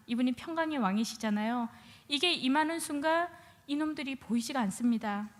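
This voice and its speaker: Woman deaconess, testimony, high voice, lively storyteller; long reverb of a hall. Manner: animated storytelling, acting out her own past cries. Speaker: church deaconess giving testimony. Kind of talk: personal testimony.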